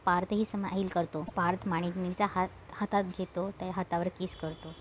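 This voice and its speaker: A woman's voice: on the low side, steady tone, normal speed. Woman recapping an episode, muffled hiss. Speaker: serial episode reviewer.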